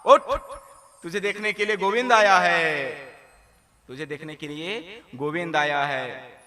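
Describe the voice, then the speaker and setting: The goddess Lakshmi, proud and insistent, with indignant force, as a man puts her on in a sermon. The voice is high and very bright. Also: takes it slowly, in a large hall.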